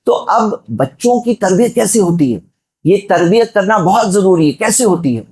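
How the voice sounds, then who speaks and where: This Friday sermon comes from an exhorting male preacher from Mumbai, India, whose high voice has a darkish tone and lively intonation. Throughout, he addresses the congregation directly and asks rhetorical questions.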